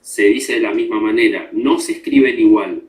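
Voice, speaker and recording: In a classroom lecture recorded in an echoey room, a male instructor explains things step by step. His voice sits on the low side with a darkish tone and normal speed, and he keeps checking that students follow with frequent tag questions.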